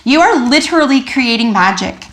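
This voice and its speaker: A woman giving a general tarot reading to her viewers, animated and enthusiastic, with many fillers and restarts. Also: high-pitched, moderate pace. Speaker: tarot reader.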